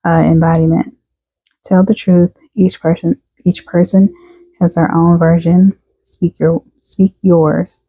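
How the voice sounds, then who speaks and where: Low, flat-voiced woman reading tarot. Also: slow, slightly rough, dry recording, low-quality recording. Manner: chatty, talks to viewers, reads card texts aloud. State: tired, yawning. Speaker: tarot reader. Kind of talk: casual tarot reading to camera.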